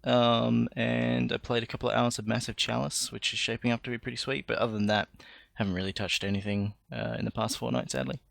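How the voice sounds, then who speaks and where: A man's voice: mid-range voice, level tone, brisk, gravelly, hardly any pauses, a bit bright, dry recording. A man co-hosting a casual podcast chat, jokey and laid-back. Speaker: podcast co-host.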